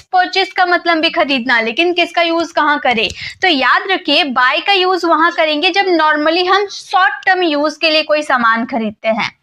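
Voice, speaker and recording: A young woman teaching an English grammar lesson at a whiteboard, explaining step by step, asking and answering her own questions, and saying English phrases slowly for learners. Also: high-pitched, pushed and bright.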